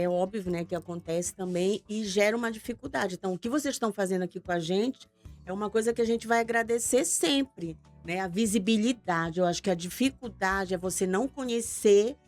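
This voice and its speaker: Emotional woman. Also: mid-range voice. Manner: emotional, warm and talkative. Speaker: guest, patient association organizer. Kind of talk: casual TV interview chat.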